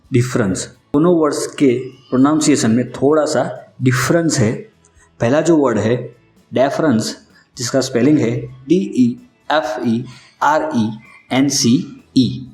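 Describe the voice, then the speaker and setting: A man giving a scripted vocabulary lesson, spelling out each word slowly and carefully, letter by letter. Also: medium pitch, a little mellow. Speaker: English vocabulary teacher. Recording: echoey room with faint music underneath.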